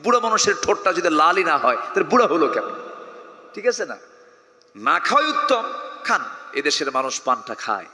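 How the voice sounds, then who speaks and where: Animated Bangladeshi preacher, booming echo. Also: male voice, brisk, long pauses. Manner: humorous, teasing the audience with questions and calls to shout louder; swings from quiet asides to loud exclamations. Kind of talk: Islamic sermon to a crowd.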